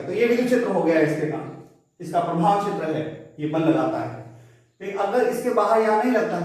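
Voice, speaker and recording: A man teaching a physics lesson in a classroom, asking questions and then answering them himself, and stretching out key phrases slowly. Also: fairly high pitch, a little mellow. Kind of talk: classroom lecture. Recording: very echoey room, distant from the mic.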